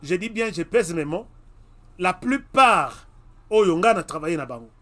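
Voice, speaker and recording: Hosting his own web TV channel, a Congolese man talks directly to viewers with lively intonation, in a high-pitched, slightly bright voice and at an unhurried pace. His monologue is emphatic and repeats its warnings many times.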